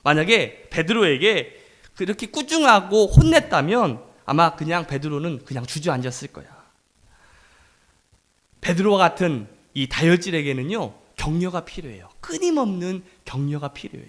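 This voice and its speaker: A middle-aged pastor with a high voice delivers a Sunday sermon. He talks in a lively, conversational way and slips into acted quotes of the people in his story. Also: moderate pace.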